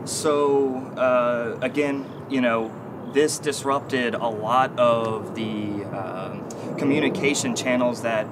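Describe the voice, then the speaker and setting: A man in his thirties, a consulting team lead appearing as a guest, explains his work in a corporate interview held on a stone bench in an urban courtyard. His medium-pitched voice moves at a slow pace, full of fillers and restarts, with city noise audible behind him.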